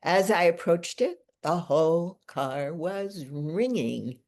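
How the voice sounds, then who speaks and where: A woman, the featured poet, reading her own poetry aloud in a measured, deliberate way. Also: lowish voice, animated, darkish tone. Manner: slow, deliberate, measured delivery.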